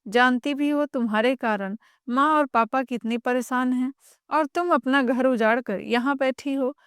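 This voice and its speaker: A woman's voice: sits high, unhurried, a bit bright, clear, resonant tone, dry recording, clean studio sound. A woman voicing an overworked young wife who speaks out in an indignant, raised voice.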